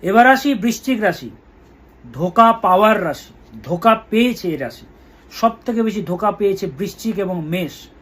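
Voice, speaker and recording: A man talking as an astrologer through a weekly horoscope, slow and emphatic, repeating key words and chanting mantras. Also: sits high, lively intonation, fairly bright tone, husky.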